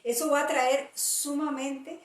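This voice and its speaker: A middle-aged woman pastor preaches with emphasis and repeats key lines. Her voice sits high. The sound is roomy and picked up from a distant mic. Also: little pitch movement, unhurried. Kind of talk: preaching talk.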